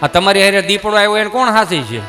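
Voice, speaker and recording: Bright-voiced man telling comic stories on stage. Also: sits high, lively intonation, fast, faint music behind. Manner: chatty storyteller acting out little dialogues. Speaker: stand-up comedian. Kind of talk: live Gujarati folk comedy routine.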